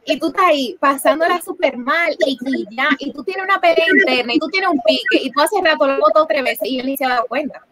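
A woman's voice: high voice, fast, few pauses, bright, forceful tone. A woman with a Dominican accent in a casual podcast chat, tagging her sentences with little questions. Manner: chatty, adds tag questions.

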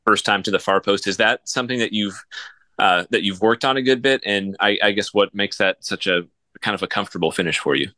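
A reporter asking casual, filler-heavy questions at a post-match press conference. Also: male voice, lowish voice, brisk, sharp tone, no echo.

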